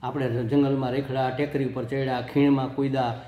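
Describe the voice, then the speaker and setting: A man's voice: mid-range voice, flat delivery, fairly quick, dark tone, pitched below the performer's own voice, natural voice. A man voicing a bossy older village boy who leads a group, urgent and commanding, in an echoey room.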